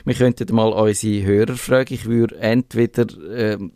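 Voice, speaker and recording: A man's voice: on the low side, fairly even intonation, moderate pace, mellow, no echo, studio quality. Chatty Swiss man on radio. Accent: Swiss German. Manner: chatty, laughs often, hesitant fillers. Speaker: radio tech show co-host. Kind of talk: casual radio chat.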